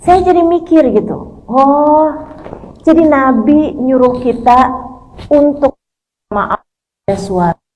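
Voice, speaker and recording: High-voiced woman preacher, lively telling. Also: slow pace, long pauses, rough recording. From Indonesia. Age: 40s. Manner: lively storytelling, acts out voices of husband and wife. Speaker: Islamic preacher. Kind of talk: sermon to a women's gathering.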